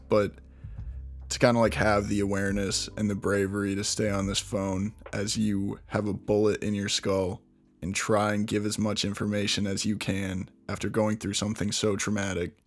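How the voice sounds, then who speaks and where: A man hosting a true crime podcast, recounting a case in a casual, conversational way with frequent restarts and asides. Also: fairly low pitch. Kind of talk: casual storytelling narration.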